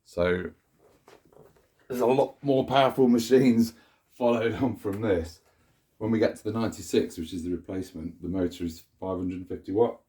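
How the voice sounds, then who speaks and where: A man with a lowish, dark-toned voice talks at normal speed, sounding nasal from a cold, as he shows off a vacuum cleaner in a sunny indoor space with a close handheld camera. His casual show-and-tell is chatty, rambling and full of self-corrections.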